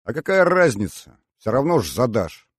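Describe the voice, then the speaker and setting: Prickly young female spy, short clipped replies, raised pitch, voiced by a male reader. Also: big pitch swings, moderate pace, husky, dry recording, studio quality. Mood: snappish. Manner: curt, snappish.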